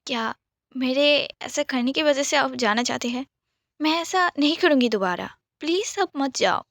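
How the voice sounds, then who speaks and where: A woman's voice: high voice, lively intonation, normal speed, dry recording, studio quality. A woman voicing a tearful, playful young woman in a whispered role-play. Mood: pleading. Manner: soft, whispered.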